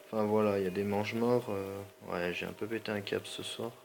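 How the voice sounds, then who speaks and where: A gaming channel host with a low, gravelly voice, a slightly sore throat, and a stuffy nose offers casual gameplay commentary at a steady tone and a little fast. He wanders into slangy asides and keeps apologizing to viewers over a faint ambient hum.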